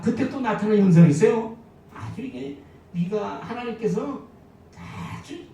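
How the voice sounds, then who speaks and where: A woman's voice: medium pitch, warm tone, recorded from a distance. A woman pastor preaching a sermon, asking her listeners many questions and swinging her emphasis. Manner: rhetorical questions, varied emphatic delivery. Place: church sanctuary. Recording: echoey church hall from afar.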